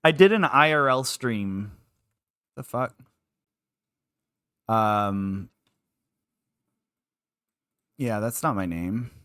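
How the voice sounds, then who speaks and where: A man's voice: on the low side, animated, drawn-out words, pauses often, pushed and bright, smooth, no room sound, studio quality. A man streaming live, chatting casually while feeling sick, rambling with lots of filler words. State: unwell and queasy.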